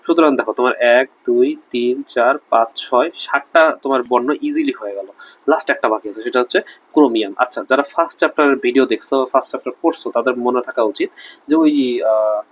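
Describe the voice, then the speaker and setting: A man's voice: mid-range voice, fast talker, rough recording. A young man with a Bangladeshi Bengali accent teaching chemistry in a casual online lesson, chatty and quizzing the student with memory tricks. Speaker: chemistry tutor.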